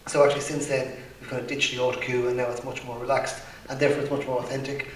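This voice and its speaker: A male bank executive talks quickly and loosely on a panel, leaning on "you know" and "kind of". His voice is roomy and slightly distant, picked up from across a hall. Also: medium pitch, a little hiss or hum. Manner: relaxed, anecdotal, heavy use of "you know" and "kind of". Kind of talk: conference panel answer.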